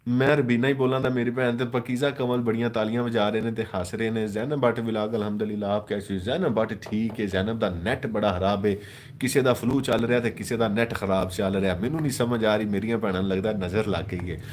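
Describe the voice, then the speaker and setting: A man's voice: fairly low pitch, fairly even intonation, fairly quick. A man with a Punjabi accent, from Pakistan, hosting a casual live stream, joking with viewers as he reads their comments. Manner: joking, switches into mocking put-on voices.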